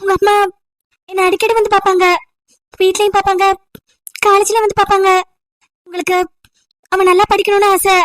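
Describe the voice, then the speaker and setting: A woman's voice: very high-pitched, no room sound, studio quality. A woman voicing a protective young woman in an amateur audio drama, soothing and earnest.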